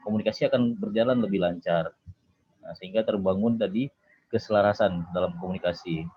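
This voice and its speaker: A man, a doctor, giving an online seminar talk in a relaxed conversational way, with many filler sounds and tag words. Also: fairly low pitch, dull audio, slight background noise.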